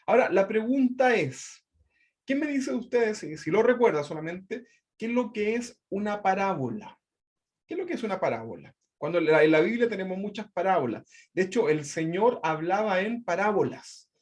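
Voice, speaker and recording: Over a video call, a Chilean-accented man leads an online Bible class in a high, expressive voice at normal speed. He goes over his points more than once, regularly asking "¿verdad?" to check in.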